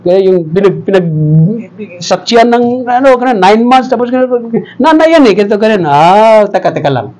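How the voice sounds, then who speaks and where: A middle-aged pastor delivers a lively sermon in a fairly high voice. He moves between quiet asides and loud, excited exclaims, and tells stories with laughter. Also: moderate pace, low-quality recording. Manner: animated preaching mixing Tagalog and English, storytelling with laughs.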